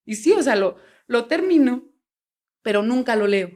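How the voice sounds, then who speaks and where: A woman guest on a podcast, telling her story in a casual, animated way and acting out bits of dialogue. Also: a little high, normal speed. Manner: animated storyteller, quotes dialogue, frequent "o sea", laughs often. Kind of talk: casual interview chat.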